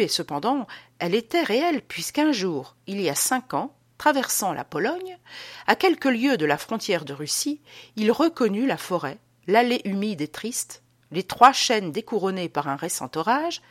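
A woman narrating a classic novel aloud in a measured, expressive storytelling manner. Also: medium pitch. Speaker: audiobook narrator.

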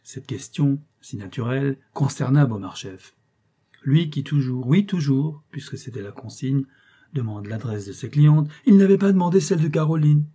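Man, audiobook narration, measured, expressive, mellow, husky. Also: medium pitch.

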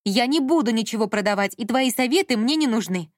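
A woman's voice: high voice, normal speed, no room sound, pitched above the performer's own voice, natural voice. A woman voicing a defiant twenty-one-year-old woman who raises her voice and pushes back, in a dry audiobook reading. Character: defiant young woman of 21, fed up.

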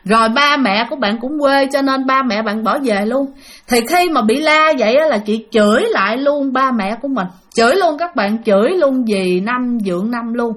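A woman's voice: on the high side, lively intonation, moderate pace, fairly bright tone. A woman telling a ghost story in a chatty way, speaking directly to her listeners. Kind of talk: spoken ghost story narration.

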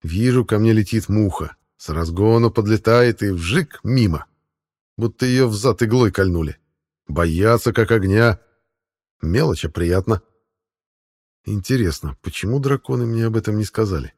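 A man narrating a first-person audiobook in a low, mellow, dark voice. His delivery is dry and sardonic, with deadpan asides. The tone stays even and unhurried.

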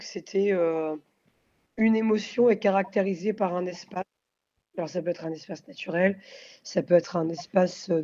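A woman's voice: lowish voice, mellow. A woman who sings in a band answers an interviewer, weighing each phrase and filling gaps with hesitant fillers. The sound is a little dull and muffled. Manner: thoughtful, searching for words with many fillers. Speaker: singer of a post-metal band.

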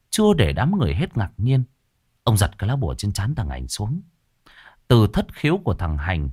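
A man's voice: medium pitch, no room sound. Dramatic male horror storyteller. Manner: expressive, dramatic.

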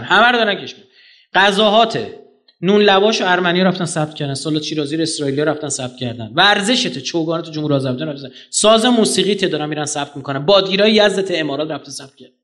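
Brief: man lecturer with a high voice, combative and animated, full of rhetorical questions. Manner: animated, rhetorical questions, sharp jumps in loudness; mocking, argumentative. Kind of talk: public lecture.

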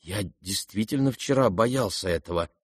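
A man's voice: fairly low pitch, lively intonation, normal speed, slightly rough, dry recording, clean studio sound. Man reading a guileless, earnest young prince. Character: simple-hearted, gentle young prince, shy and earnest.

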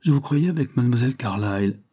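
A man voicing a gentle, loving young noblewoman in an audiobook. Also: medium pitch, lively intonation, fast. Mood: tender.

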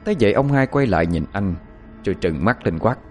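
Lively low-voiced horror storyteller. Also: male voice, brisk, faint music behind. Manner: expressive, suspenseful. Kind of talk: scripted horror narration.

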